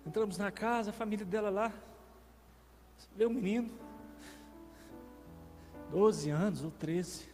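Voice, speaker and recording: A man's voice: sits high, a little slow, pauses often, a little mellow. A Brazilian man preaching as a guest pastor, telling a personal testimony as a vivid storyteller who acts out the dialogue. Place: church sanctuary. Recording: reverberant church hall with faint music.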